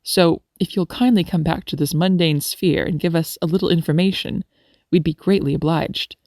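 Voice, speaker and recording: A woman voicing a polite, cheerful young male doctor in a storybook, speaking in a lowered, courtly, teasing way. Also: moderate pace, darkish tone, no echo, studio quality, natural voice. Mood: genial.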